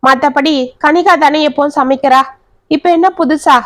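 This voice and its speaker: A worn-out husband who keeps reassuring everyone in a low, slow, soft way, as a woman storyteller puts him on. The reading is close and dry, with the voice still fairly high. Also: steady tone, no echo, close to an everyday voice. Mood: weary. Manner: soft, reassuring, speaks slowly. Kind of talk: storybook narration.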